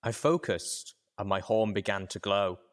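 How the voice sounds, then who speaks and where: An unhurried, low-voiced man reads a first-person piece of fiction from a script. His delivery is dramatic, in the manner of an audiobook narrator telling a story.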